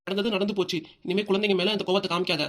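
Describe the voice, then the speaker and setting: Soft-hearted cartoon grandpa, woman doing him, southern tamil accent, reasons gently, quickish. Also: mid-range voice, flat delivery, close to an everyday voice. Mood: calm reasoning. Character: kindly grandfather who sides with kids.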